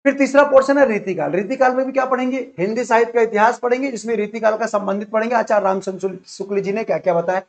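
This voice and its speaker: A man with a high-pitched voice gives an online exam-prep lecture. He walks through the syllabus in an explanatory way, repeating himself as he lists each topic. The recording sounds dull and lo-fi. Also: quick pace, few pauses. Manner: repetitive, explanatory, enumerating topics. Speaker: teacher.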